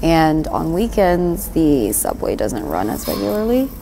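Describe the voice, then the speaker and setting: A young woman talks to her vlog in a slightly low voice with plenty of fry. She is informal and rambling, often poking fun at herself. There is noticeable ambient noise behind her. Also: very animated, a little slow. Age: young adult. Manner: rambling, self-deprecating, informal. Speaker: vlogger. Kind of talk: casual vlog chat to camera. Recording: noisy handheld vlog with background ambience.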